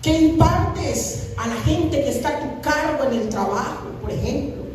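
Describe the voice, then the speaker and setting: A woman's voice: high-pitched, expressive, measured pace, background noise. A woman pastor preaching a sermon emphatically, now and then breaking into sung phrases. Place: church hall. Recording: echoey hall, mic at a distance.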